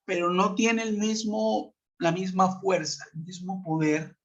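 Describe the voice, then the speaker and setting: High-voiced man teaching over a web call. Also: fairly even intonation. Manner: patient, explanatory, checks with "¿cierto?"; reads example sentences slowly. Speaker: English teacher. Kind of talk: online class explanation. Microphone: computer mic on a web conference. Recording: muffled web-conference audio.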